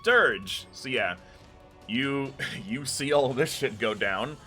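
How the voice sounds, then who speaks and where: A man running a tabletop game as game master, narrating scenes in a relaxed, storytelling way. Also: mid-range voice, slow pace, soft background music.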